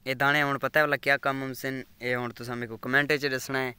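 A man's voice: medium pitch, level tone, quick pace, sharp tone, clean tone, no echo. Chatty Saraiki man vlogging in the fields. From Pakistan. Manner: rambling, chatty, keeps asking viewers to subscribe. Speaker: village vlogger. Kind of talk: casual walking vlog. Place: outdoors among farm fields. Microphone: phone camera.

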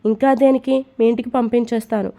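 A cold, controlling young husband in a read-aloud romance story, curt and commanding, as a woman puts him on. The voice is fairly high and mellow, with a warm, soft tone. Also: fairly even intonation, a little fast, gravelly. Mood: stern.

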